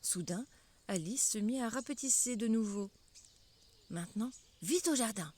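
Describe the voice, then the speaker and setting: An older woman reading a children's story aloud in a measured, expressive way. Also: fairly high pitch.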